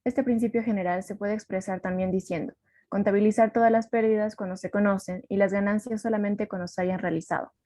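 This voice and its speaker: Mellow-voiced woman student reading. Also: mid-range voice, fairly even intonation, a little fast, dry recording. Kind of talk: reading a text aloud.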